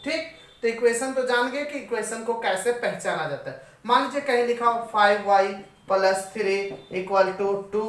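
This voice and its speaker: Woman maths teacher, higher voice, questions and answers for the class, roomy echoey recording. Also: a bit bright, slight background noise. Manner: asks the class questions and answers them herself. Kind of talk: classroom-style maths lesson. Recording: echoey room, voice away from the mic.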